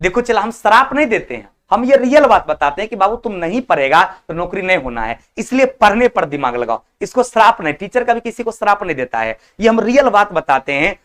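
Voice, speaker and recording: A man's voice: high-pitched, very animated, a little fast, few pauses, fairly bright tone. A male teacher, lecturing an online exam-prep class in a scolding yet affectionate, colloquial way. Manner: colloquial, repeats words like 'chala' and 'babu'.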